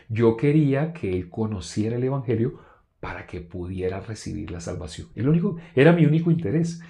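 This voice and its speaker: A man preaching, telling a personal testimony in an animated storytelling way and loudly acting out what others said. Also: on the low side. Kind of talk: testimony sermon.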